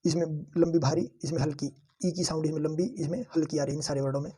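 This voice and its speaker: A man teaching a shorthand lesson, saying each word slowly and several times so students can repeat after him, and calling his viewers friends. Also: fairly high pitch, steady tone, warm tone, breathy edge. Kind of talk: lesson with drilled repetition.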